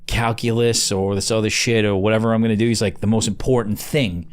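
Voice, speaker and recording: Man, new york accent, low voice, relaxed podcast co-host, lots of likes and fillers. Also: fairly quick. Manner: relaxed, retells things he heard, filler-heavy. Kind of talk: casual chat.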